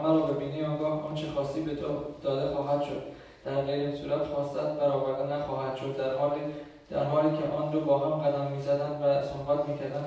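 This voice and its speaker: Monotone man reading scripture in an echoey hall. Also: a little high, far from the mic. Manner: slow, flat, measured reading. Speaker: scripture reader. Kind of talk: reading scripture aloud in church.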